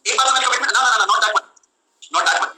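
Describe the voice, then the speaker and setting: A young man teaching law in a live online class, lively, switching between Hindi and English and acting out his examples. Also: extremely high pitch, brisk, a little hiss or hum, poor audio.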